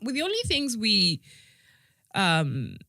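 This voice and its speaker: Animated woman in her forties, bright voice. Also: mid-range voice, slow, no echo, clean studio sound. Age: 40s. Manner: animated storyteller who acts out quoted voices. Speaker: podcast guest. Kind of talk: casual chat.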